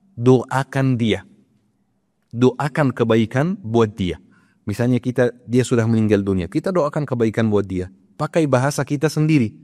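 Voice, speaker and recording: A man's voice: medium pitch, a little mellow, long reverb tail. A male preacher giving a sermon to a congregation, teaching through rhetorical questions and mixing in Arabic words.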